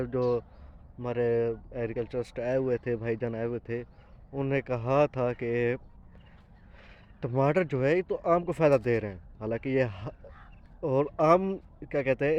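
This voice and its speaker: A man's voice: a little high, darkish tone. A man, a farm owner hosting a casual farm vlog outdoors in an orchard, chatting and pointing things out as he explains. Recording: dull lo-fi outdoor recording.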